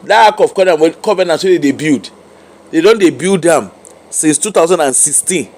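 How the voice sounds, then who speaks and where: High-pitched Nigerian man speaking Pidgin. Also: expressive, brisk, darkish tone. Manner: questioning, challenging, with repeated rhetorical questions. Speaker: commentator. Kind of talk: informal opinion commentary.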